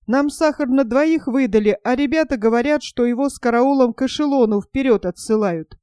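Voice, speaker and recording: A woman voicing a hot-tempered young male soldier who shouts roughly and curses. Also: high-pitched, brisk, no echo, studio quality, natural voice. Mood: rowdy.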